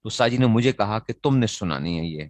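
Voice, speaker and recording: Low-voiced male teacher, dry sound. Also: animated, no echo. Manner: asks rhetorical questions and answers them, repeats key phrases; recites verb conjugations in a slow chant. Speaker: teacher of grammar to students. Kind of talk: classroom lecture.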